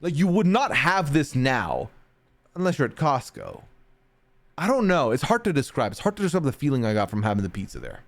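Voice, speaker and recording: Fairly fast and with huge swings in pitch, a medium-voiced man from North America rambles through replies to his stream chat, laughing often. His mixed accent sometimes passes for British.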